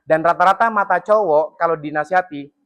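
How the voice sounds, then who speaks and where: A man with a Javanese accent giving a lively parenting talk to parents at a school, joking with them and acting out parents and children. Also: on the high side, fairly quick. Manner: jokes with the audience and acts out parents and children. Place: school hall with a parent audience.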